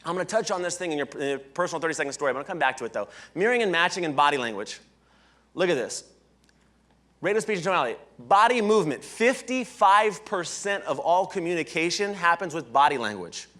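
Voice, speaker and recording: High-voiced energetic male seminar trainer. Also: fast talker. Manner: energetic, keeps checking in with "right?"; asks the audience questions. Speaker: sales leadership trainer. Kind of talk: live motivational seminar talk. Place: conference hall, indoors.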